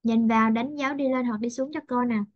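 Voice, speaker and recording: A woman teaching English intonation to a class over a video call, patiently repeating example sentences slowly. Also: fairly high pitch, steady tone, no room sound, dull audio.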